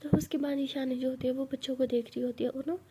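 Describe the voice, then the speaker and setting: A woman's voice: high-pitched, flat delivery, fast talker, mellow, husky. A woman telling a love story in a chatty, casual way, with asides to the listener.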